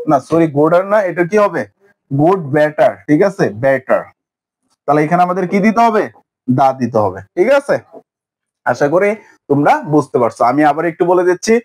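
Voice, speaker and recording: A young man teaches an English grammar lesson online, asking questions and answering them himself. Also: high-pitched.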